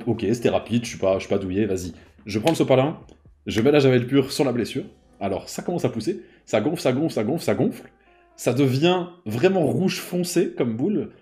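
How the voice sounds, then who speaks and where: A man in his thirties telling a personal story in a casual, slangy way, often adding "you see". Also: mid-range voice. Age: 30s. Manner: lively, slangy, peppered with "tu vois".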